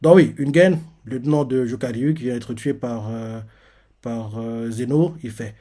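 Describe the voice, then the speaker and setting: A man's voice: medium pitch, a little slow, dark tone. A man giving a rambling, casual reaction commentary on a manga chapter. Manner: rambling, full of fillers and "en gros".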